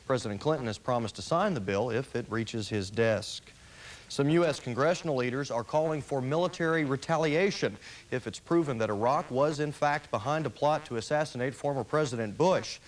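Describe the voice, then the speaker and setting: A man reading scripted television news as an anchor. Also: medium pitch. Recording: hissy early 1990s TV broadcast.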